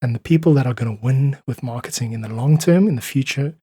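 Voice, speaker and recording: The clean, roomless studio sound carries a warm, husky, medium-pitched male voice speaking quickly. He's a South African independent musician interviewed on a podcast, explaining his thinking with earnest clarity and analogies.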